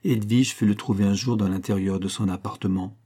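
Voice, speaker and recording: Man, audiobook narrator, low voice, mellow dark tone, measured and dramatic. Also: fairly even intonation. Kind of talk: audiobook reading of a historical biography.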